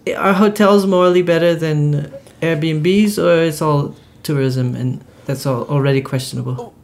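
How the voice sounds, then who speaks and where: Man, podcast co-host, casual chat, slightly high voice, stammers on starts. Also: creaky. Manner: quick opinions, stammers on starts.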